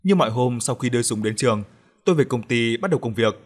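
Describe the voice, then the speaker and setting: A man reading a first-person horror story aloud as an audiobook narrator, in a calm, steady way. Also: medium pitch, quick pace.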